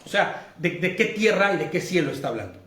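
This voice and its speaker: A man's voice: high voice, animated, brisk, fairly bright tone, reverberant. A Mexican man teaching an interactive Bible study, often asking his listeners questions and laughing easily. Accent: Mexican Spanish.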